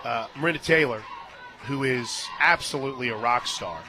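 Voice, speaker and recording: Here a mid-range male voice moves at a moderate pace, with a crowd and other noise behind him. He's an American radio play-by-play announcer in a stadium booth, giving live sports commentary that's emphatic yet chatty and folksy.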